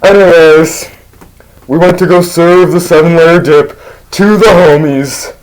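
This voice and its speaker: A man's voice: on the high side, steady tone, a little slow, natural voice, low-quality recording. A man voicing a laid-back male skeleton in a rambling comedic storytelling style, full of restarts and absurd turns.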